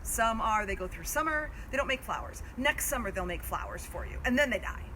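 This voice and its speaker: A woman's voice: fairly high pitch, animated, fairly quick, bright, forceful tone. Woman hosting outdoors over noisy backyard ambience. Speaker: host of community garden live video. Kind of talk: informal live gardening explainer. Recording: outdoor live video, clear ambient noise.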